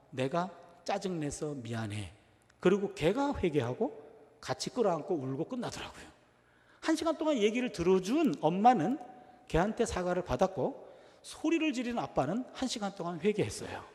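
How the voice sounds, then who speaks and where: A middle-aged man preaching a sermon, telling family stories in an animated way and acting out the dialogue. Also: sits high. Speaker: pastor. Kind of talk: sermon with storytelling. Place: church sanctuary. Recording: church hall reverb.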